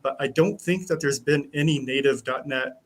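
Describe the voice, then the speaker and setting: A man, a guest software engineer, explaining a technical subject in a casual, relaxed way with frequent um fillers. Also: medium pitch, normal speed.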